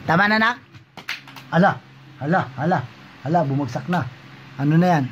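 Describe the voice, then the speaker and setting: A man's voice: on the high side, expressive, moderate pace, muffled recording. A father teasing and coaxing his young daughter in casual home banter, playful and joking. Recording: home video with background noise.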